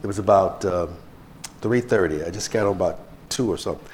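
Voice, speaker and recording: A man's voice: brisk, slight background noise. A man preaching a sermon as pastor, telling stories and acting out the people he quotes. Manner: preachy, animated, acts out quoted people in rising pitch. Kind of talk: sermon with anecdotes.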